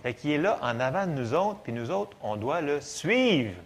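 A man with a Quebec French accent preaching a sermon in a lively, conversational way with jokes. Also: on the high side, moderate pace.

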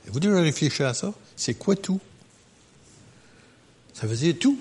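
A man preaching a sermon as pastor, animated and emphatic, with joking asides. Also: on the high side, normal speed, breathy edge.

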